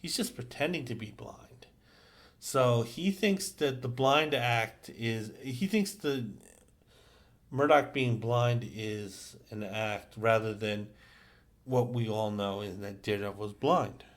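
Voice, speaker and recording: Slow, halting man recapping comics. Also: medium pitch. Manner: halting, many fillers and restarts. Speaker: comic book reviewer. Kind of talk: casual recap.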